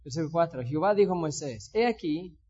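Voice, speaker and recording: A high-pitched man preaches a sermon in a lively, animated way. He slips into playful complaining voices and grumbling sounds. The recording is dull and lo-fi. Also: fast talker, husky.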